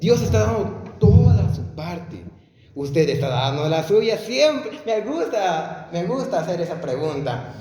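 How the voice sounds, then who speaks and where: A man delivers a sermon in an unhurried, high voice, questioning his listeners directly. The sound is roomy with a long hall reverb and faint background noise. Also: sing-song, mellow. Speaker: preacher.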